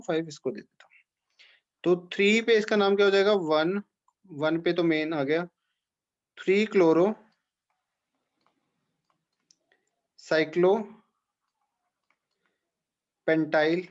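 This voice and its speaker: A man's voice: sits high, highs cut off. A man teaching an organic chemistry class, explaining step by step and checking in with questions to his students. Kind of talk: classroom lecture.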